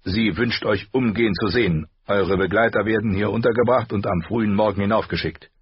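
A man voicing a burly, blunt male lord who speaks slowly and gruffly. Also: on the low side, dry recording, dull audio. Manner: slow and gruff.

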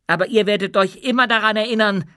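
A man putting on a loud, proud dwarf queen. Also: high-pitched, quick pace, dry recording, clean studio sound, voice pushed up. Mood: rousing. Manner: loud, proud, rousing oratory. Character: commanding dwarf queen addressing her people. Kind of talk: audiobook character voice.

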